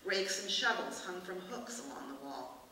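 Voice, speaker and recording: A woman author reading aloud from her novel at a book festival, in measured, expressive narration. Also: on the low side. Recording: echoey room from far off, hiss.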